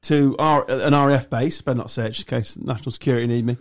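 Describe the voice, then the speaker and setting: A man's voice: medium pitch, fairly even intonation, fast talker. Joking, defensive Englishman in banter. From England. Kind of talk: casual podcast banter.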